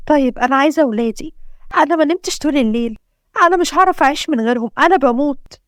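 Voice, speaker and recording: A woman's voice: high voice, very fast, dry recording, pitched above the performer's own voice, lightly acted. A woman with an Egyptian accent reading the lines of a desperate young mother pleading for her children. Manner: pleading, anguished.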